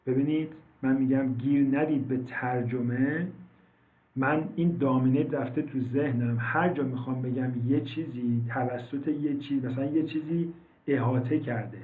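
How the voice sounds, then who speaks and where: Man teaching on a tinny online call. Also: medium pitch. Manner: explains slowly and drawn out, repeating words, with many fillers. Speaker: English teacher. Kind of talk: online class, explaining vocabulary. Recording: tinny phone-like call audio, echoey.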